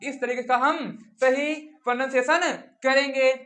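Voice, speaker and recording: A man's voice: very high voice, steady tone, moderate pace, pushed and bright. A male teacher with a Hindi accent giving an English pronunciation lesson, repeatedly asking his students questions and answering them himself.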